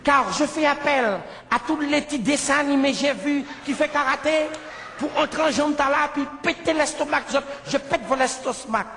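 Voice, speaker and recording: A man telling a comic story on stage in broken, childlike French, breaking into sudden shouts. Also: very high-pitched, moderate pace. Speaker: comedian. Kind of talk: stand-up storytelling. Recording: live show with audience laughter and background noise. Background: audience laughing.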